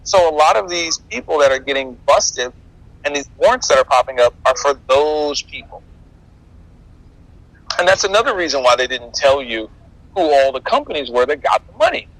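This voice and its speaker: Bright-voiced American man, forceful delivery. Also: fairly high pitch, big pitch swings, moderate pace, dry recording, low-quality recording. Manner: emphatic, informal, asserting with rhetorical questions. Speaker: podcast host. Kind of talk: opinionated political monologue, conversational.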